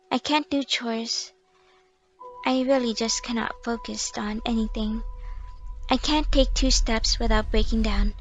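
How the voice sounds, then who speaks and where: A woman playing a timid, self-loathing young female stalker in an ASMR role-play, sweet and eerily obsessive, rambling with nervous apologies. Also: a little high. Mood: hesitant, self-loathing.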